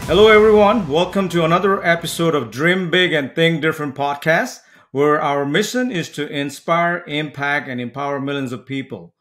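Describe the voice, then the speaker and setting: A man's voice: a little high, a bit bright, faint music behind. A man from Nepal, hosting an interview podcast and talking earnestly with frequent fillers. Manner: earnest, halting with many fillers. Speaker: podcast host.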